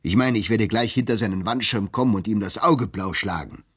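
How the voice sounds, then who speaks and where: A man voicing a hot-tempered, beery older male clerk who talks loudly and blusters. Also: fairly low pitch, brisk, slightly rough, no room sound, studio quality, voice pushed up. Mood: belligerent. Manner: loud, blustering, belligerent.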